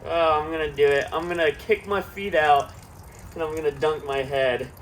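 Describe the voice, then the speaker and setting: A man talks to his vlog while sitting in ice-cold water, his fairly high voice strained and gasping with the shock of the cold. It is a casual self-filmed outdoor recording with some ambient noise. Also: steady tone, moderate pace, rough recording. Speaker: vlogger documenting a challenge.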